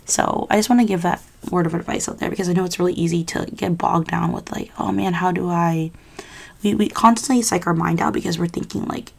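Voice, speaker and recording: A woman's voice: fairly low pitch, fairly even intonation, fairly quick, gravelly, darkish tone. A young adult woman vlogger chatting casually and giving personal advice in an informal, rambling, confiding way.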